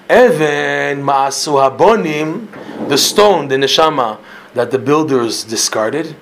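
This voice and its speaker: A man teaching a religious class in storytelling style, swinging between loud emphatic bursts and low quiet asides, peppering his talk with Hebrew and Yiddish terms and correcting himself mid-sentence. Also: takes it slowly, a little hiss or hum.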